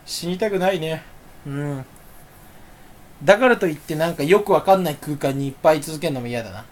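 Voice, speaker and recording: A man talking to himself in a rambling solo monologue. He is self-mocking and erratic, swinging from loud outbursts to low mutters. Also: expressive, fairly quick. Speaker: solo talk channel host.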